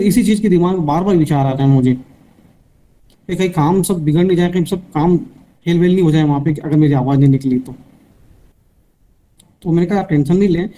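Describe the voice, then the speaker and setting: A male teacher recounts a patient's case to his class in a storytelling way, voicing both doctor and patient. His voice is very mellow and relaxed. It sits slightly high. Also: rough recording. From India. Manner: retells a patient case, quoting both sides. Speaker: homeopathy teacher.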